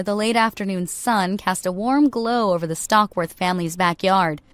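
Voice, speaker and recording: A woman narrating a scripted story in a steady, even way. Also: medium pitch, no room sound.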